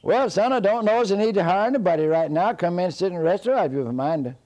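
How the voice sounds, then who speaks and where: A man's voice: medium pitch, lively intonation, normal speed, mellow, natural voice. A man voicing a big, older mountain king, drawling folksily as he bargains. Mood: hearty.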